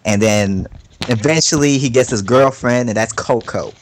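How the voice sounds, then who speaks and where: This anime podcast guest talks casually in a mid-range voice recorded with no echo. His opinions come out in a rambling, stop-and-start way, packed with slang, profanity, and repetition.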